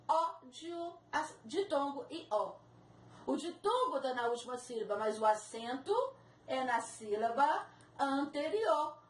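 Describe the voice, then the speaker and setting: Slow, high-voiced woman teaching grammar. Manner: slow, deliberate, spells out and repeats examples. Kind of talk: recorded lecture with slides. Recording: echoey room, faint background noise.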